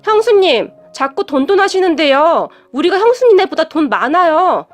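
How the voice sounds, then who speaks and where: Woman doing an angry blunt husband, shouting, high-pitched and lively, soft music behind. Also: fairly quick. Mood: scornful. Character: angry young married man, blunt.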